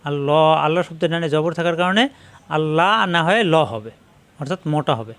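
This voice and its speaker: A Bengali-speaking man gives a patient recitation lesson, breaking words into syllables and stretching them out as he demonstrates. His voice sits a little higher than most men's. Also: animated, a bit bright. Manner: slow, drawn-out syllables when modelling recitation. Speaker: Quran recitation teacher. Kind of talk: step-by-step spelling and pronunciation lesson.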